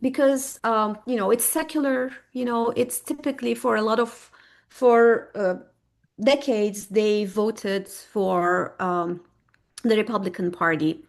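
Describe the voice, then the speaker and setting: A middle-aged Turkish woman, a native Turkish speaker, appears as a guest historian in a podcast interview. Her voice is a little high, a little slow, and creaky, and she speaks thoughtfully, searching for words with frequent fillers.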